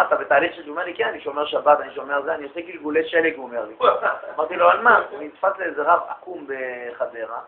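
Male lecturer, higher-pitched voice, spins anecdotes and plays out the dialogue, recorded lo-fi and phone-like. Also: creaky, roomy sound, a little hiss or hum. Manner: lively anecdotal storyteller, acts out quoted dialogue. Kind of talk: storytelling lecture to an audience.

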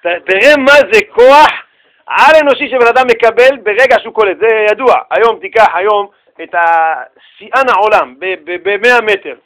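A man with a notably high voice speaks to a small group of listeners, retelling a religious tale in an informal, slangy way. He keeps the story animated, turning often to his listeners and slipping into the voices of the people in it. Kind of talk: casual religious talk with storytelling.

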